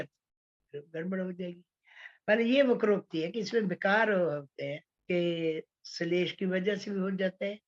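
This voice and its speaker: Slow-speaking woman teaching Hindi poetics. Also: medium pitch, lo-fi sound. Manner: slow, explanatory, with many fillers and restarts. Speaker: poetry teacher. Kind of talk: online class on Hindi poetics.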